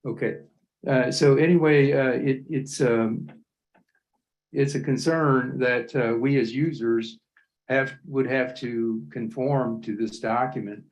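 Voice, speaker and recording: Halting man making public comment. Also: medium pitch, steady tone, lo-fi sound. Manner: halting, repeats words while building his point. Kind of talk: public comment at a county meeting.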